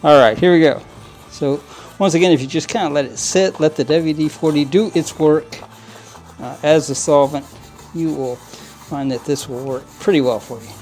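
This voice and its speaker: Speaking at a moderate pace in a somewhat high, darkish voice, a model train hobbyist talks through cleaning a train hands-on at his work table. He rambles casually with many fillers and restarts, chuckling frequently.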